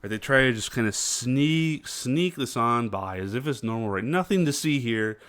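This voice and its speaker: A man hosting casual political commentary, talking in a halting way with many fillers and restarts. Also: mid-range voice, a bit bright, clean tone, dry recording, studio quality.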